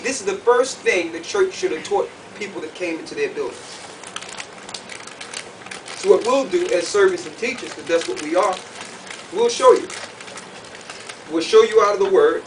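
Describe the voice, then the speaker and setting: Speaking to an audience in a conference room, a high-pitched man delivers a sermon-style teaching, very animated and emphatic, repeating phrases and firing questions at the group. His pace is moderate with frequent pauses. The mic is placed far from him, so the recording carries noticeable room noise.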